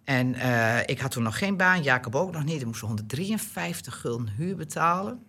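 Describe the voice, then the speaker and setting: Lively husky Dutch woman from Groningen. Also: extremely low pitch, brisk. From Groningen, Netherlands. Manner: chatty, animated, laughs often, many fillers and restarts. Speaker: interview guest. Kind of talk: relaxed personal storytelling.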